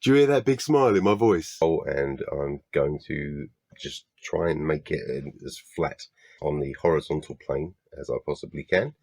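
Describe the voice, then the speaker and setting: Sarcastic British man, lively pitch. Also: normal speed, no room sound. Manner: sarcastic, exasperated, swears often. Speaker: YouTube debunking commentator. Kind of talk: scripted commentary rebuttal.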